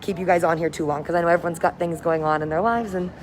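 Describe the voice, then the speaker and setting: A woman's voice: on the low side, steady tone, fast talker. An upbeat, enthusiastic woman cruise director giving a casual livestream update to viewers. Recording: noticeable background noise, windy ambience.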